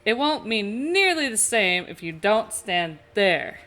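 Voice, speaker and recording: A woman's voice: mid-range voice, sing-song, slow, sharp tone, full character voice. A woman voicing an easygoing, joking young male hero as she reads fan fiction aloud. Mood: playful.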